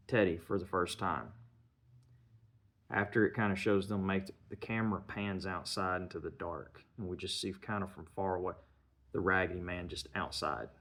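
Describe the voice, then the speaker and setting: A man's voice: low-pitched, creaky, a bit bright. A man giving a casual spoken film review, retelling the scenes step by step and slipping in bits of dialogue.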